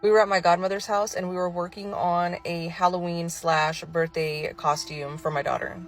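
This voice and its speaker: Brief: deep-voiced woman, casual storytelling mom, candid and incredulous, soft music under her. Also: little pitch movement, normal speed, recorded from a distance. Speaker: mother telling a story.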